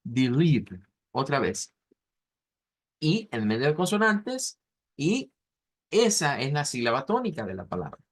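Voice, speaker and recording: A man's voice: mid-range voice, sing-song. A male teacher explaining pronunciation in a class, saying each word several times and breaking it into syllables. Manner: repeats words slowly, splitting them into syllables.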